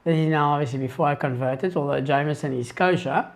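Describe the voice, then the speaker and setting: Here an earnest South African man, whose mother tongue is Afrikaans, responds to questions from his live-stream audience. His voice runs on the high side, and he pauses and begins again as he thinks things over.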